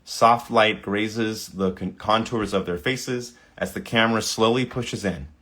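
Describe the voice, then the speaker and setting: A video creator with a lowish, fairly bright voice reads AI video prompts aloud at a measured pace. It's a casual screen-recording commentary where he sometimes stumbles over words and reacts with delight.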